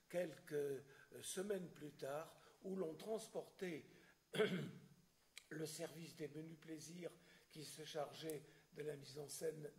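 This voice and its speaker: A man giving a history lecture in French, hesitant and full of filler sounds and restarts, often clearing his throat. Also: on the high side, darkish tone. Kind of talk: public lecture with questions.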